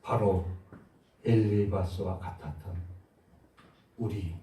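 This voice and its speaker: A male pastor preaching a sermon, asking the congregation questions and answering them, moving between loud exhortation and soft low asides. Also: steady tone, slow, a little hiss or hum. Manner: call-and-response preaching, asks the congregation questions. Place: large church sanctuary. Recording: roomy echo, far from the mic.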